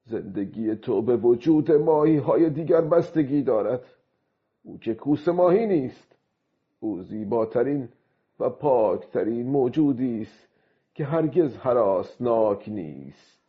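An actor playing a weary, brooding old fisherman in a radio drama, musing to himself in a husky voice. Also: medium pitch, animated, narrow, tinny audio. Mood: loud self-talk.

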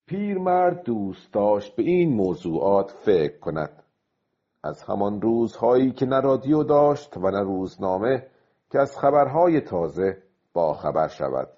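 A man narrating a radio drama in an expressive storytelling manner. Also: fairly low pitch, lo-fi sound.

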